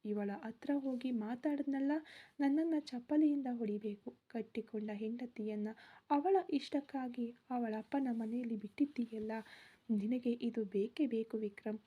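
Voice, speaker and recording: A woman voicing an amorous, headstrong young husband, speaking in a hushed, intimate way that flares into heated outbursts. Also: a little high, normal speed, slightly rough, phone-quality sound. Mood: bitter.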